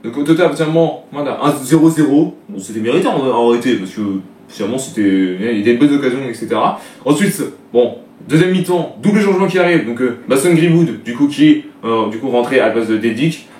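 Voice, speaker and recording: Fast-rambling young man, echoey room. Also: mid-range voice, a little mellow. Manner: rambling, heavy filler words, restarts. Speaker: football video debrief host. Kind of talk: casual rambling match debrief. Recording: echoey room, distant mic, faint noise.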